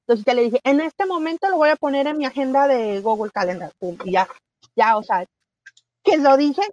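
A middle-aged woman with a Mexican accent, talking as a guest in a casual conversation, animated and chatty, often pausing on fillers and correcting herself. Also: high-pitched, muffled recording, slight background noise. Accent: Mexican Spanish.

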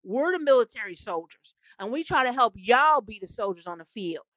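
Fervent woman preaching, high voice. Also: lively intonation, fairly quick, no echo, highs cut off. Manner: fervent, repetitive, call-and-response asides. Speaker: self-described prophetess. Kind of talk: impassioned preaching monologue.

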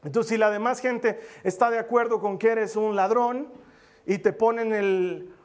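High-voiced man preaching a chatty sermon. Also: fairly even intonation. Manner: humorous, chatty, asks the audience questions; repeats key phrases slowly for emphasis. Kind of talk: sermon to a live congregation.

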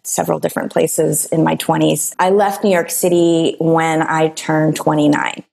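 A woman's voice: sits low, level tone, normal speed, vocal fry, darkish tone. A woman in her forties, a yoga teacher and author, talking casually as an interview guest, with lots of fillers and the odd short laugh. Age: 40s.

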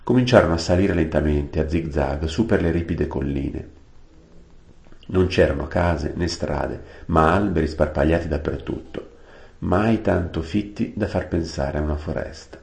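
Male storybook narrator, unhurried, very deep voice, roomy echo. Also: vocal fry, darkish tone. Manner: unhurried, adds plain-word glosses. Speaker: audiobook reader.

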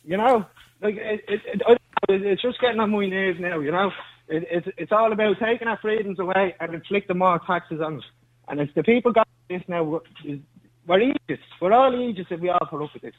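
A man's voice: high-pitched, fairly quick, dry recording. A man calling in to a radio show from a building site, arguing defiantly and talking over the host, his phone line buzzing and breaking up. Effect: buzzy phone line that keeps breaking up. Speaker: caller. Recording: tinny glitchy phone line.

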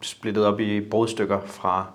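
A man interviewing a guest, asking calm, measured questions. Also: on the low side.

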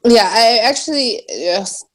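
An American woman with a slight German accent, chatting casually and haltingly in an interview, often restarting her sentences. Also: fairly high pitch, expressive. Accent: American with a slight German influence. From United States. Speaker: podcast guest, small shop owner.

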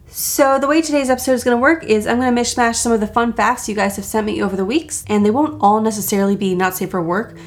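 A woman hosting a casual, jokey solo podcast, self-deprecating and sweary, with a raspy voice, audible vocal fry and a sore throat. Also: mid-range voice. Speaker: podcast host.

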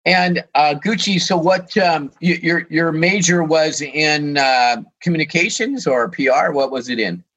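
A man's voice: a little high, measured pace, few pauses, fairly bright tone, rough recording. A man co-hosting a radio show in casual, unscripted chat.

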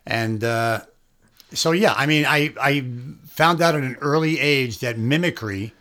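Middle-aged man from upstate New York; sharp, bright tone; lively raconteur who laughs at himself. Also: mid-range voice, a little slow. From Capital Region, New York. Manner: animated, self-deprecating, repeats words. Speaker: guest, radio comedian. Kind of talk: conversational storytelling.

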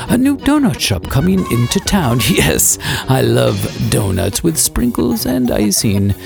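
A man playing a vain, grandiose game show host in a children's comedy skit, booming out prizes with drawn-out dramatic reveals. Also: huge pitch swings, gravelly, over music, heavily acted.

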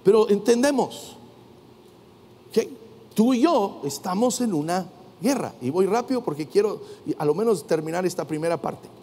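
A man preaching a sermon, asking his listeners rhetorical questions and swinging from hushed asides to loud exhortation. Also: high-pitched, animated, normal speed, in a large hall.

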